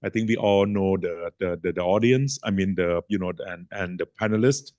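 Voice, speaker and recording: A man runs a conference panel at a very fast clip, with a lowish voice. He stumbles through fillers and restarts, and the mic sound is dry and close. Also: a little mellow, no room sound. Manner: rapid, halting, with many fillers, switching languages. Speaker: panel moderator. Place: conference hall. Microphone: handheld microphone.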